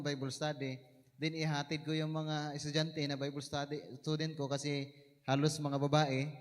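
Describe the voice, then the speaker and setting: Visayan-accented man, middle pitch, animated church testimony, echoey hall. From Mindanao, Philippines. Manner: animated storytelling, voice rising at dramatic moments. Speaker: church member giving testimony.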